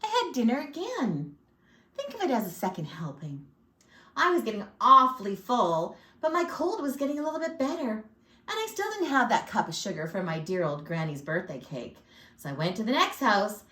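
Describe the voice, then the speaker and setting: Her mid-range voice is a bit bright and swings widely in pitch at a moderate pace as a woman reads a storybook aloud in an echoey room. She becomes a chatty male wolf, sly and aggrieved, pitying himself as he tells his own version with folksy, theatrical flair and dramatic sneezes.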